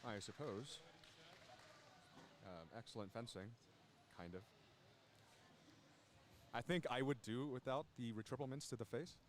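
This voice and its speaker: A man's voice: medium pitch, a little slow, long pauses, a little hiss or hum. A man doing casual live commentary at a fencing tournament, chatty and joking as he plays with the soundboard.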